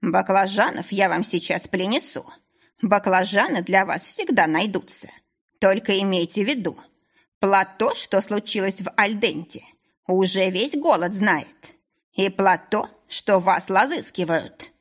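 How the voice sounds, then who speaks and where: A woman's voice: medium pitch, expressive. A woman voicing an older Chinese restaurant owner, stern yet kindly, speaking with a Chinese accent, swapping R for L and weighing every word. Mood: measured. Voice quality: slow, measured, swaps R for L.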